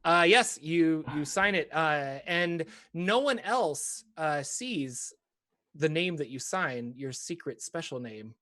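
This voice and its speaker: A man running a tabletop game as game master, talking in a loose, relaxed way with plenty of fillers. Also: fairly high pitch, slow pace.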